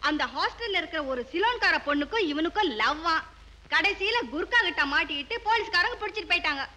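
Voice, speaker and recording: A woman's voice: extremely high pitch, animated, fast talker, sharp tone, exaggerated voice. An actress playing a chatty office woman who eagerly tells every local scandal, in a 1970s film drama. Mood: gleeful. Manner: eager, gossipy storytelling. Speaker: office gossip.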